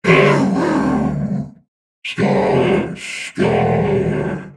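Glitching robot scorpion. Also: male voice, extremely low pitch, very slow, creaky, very echoey, recorded from a distance, a crowd in the background, heavily acted. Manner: flat clipped mechanical commands. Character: cold menacing male war machine scorpion. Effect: glitching, distorted robot voice. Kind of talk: video game voice lines.

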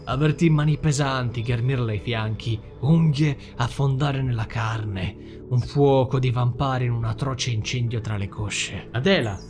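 A man reading a dark novel as an audiobook, slow and dramatic. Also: medium pitch. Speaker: audiobook narrator. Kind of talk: scripted narration. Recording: faint background music.

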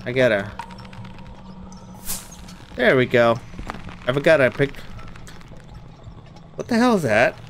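A man's voice: medium pitch, big pitch swings, slow, long pauses, slight background noise. A man giving let's play commentary on a horror game, jumpy and nervous, swearing often and talking to his viewers. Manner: talks to the viewers while playing. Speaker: gamer playing a horror game.

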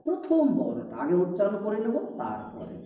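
A male teacher explaining a lesson patiently, with a lively, rising and falling delivery and a mellow tone. He asks rhetorical questions and repeats key points. The sound is echoey, distant and a little dull. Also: high-pitched, moderate pace.

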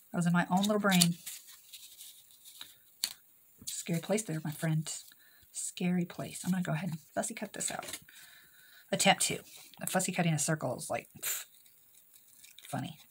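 A woman's voice: fairly low pitch, normal speed, pauses often. Woman, crafting vlog host, casual self-talk, faint background hiss. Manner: chatty, talks to herself while working.

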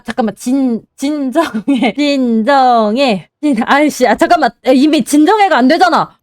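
A young woman streaming a game, commentating excitedly, cheering herself on and mock-calming herself. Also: high voice, dry recording, clean studio sound. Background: game music.

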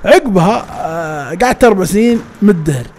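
A man with a Saudi Najdi accent telling a personal story in a casual, lively, colloquial way, often laughing and acting out the people he talks about. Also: sits high, brisk, a little hiss or hum. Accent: Saudi Najdi Arabic. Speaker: storyteller recounting his past.

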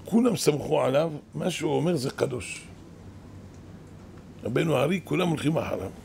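An older man, a kabbalist rabbi, giving a weekly Torah lesson in an animated, lamenting way, with a gravelly voice. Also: a little high, a little hiss or hum. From Israel. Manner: animated, exclaiming and lamenting, storytelling. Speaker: kabbalist rabbi, yeshiva head. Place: yeshiva study hall.

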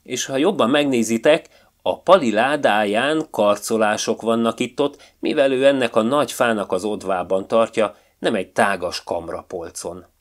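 A man's voice: fairly low pitch, lightly acted. A man voicing a kind, firm female bear in a storybook tale, speaking decisively. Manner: firm and decided.

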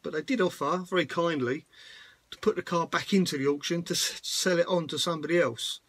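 The man's voice is slightly high, slightly bright and husky, and he talks a bit fast with no echo around him. He's from the United Kingdom, casually vlogging outdoors next to parked vans in a rambling, filler-heavy, plain-spoken style.

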